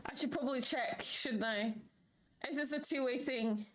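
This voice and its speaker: A high-pitched female streamer talks informally to her chat. She is excitable and given to exclamations, addressing viewers directly in a casual, conversational way. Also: moderate pace. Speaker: live streamer.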